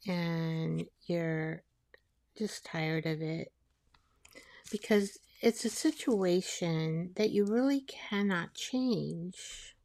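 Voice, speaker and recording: Slow, gravelly-voiced woman crafting. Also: lowish voice. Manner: rambling, talking to herself while gluing; soft-spoken, drifting into whispers. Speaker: collage artist. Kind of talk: casual crafting narration.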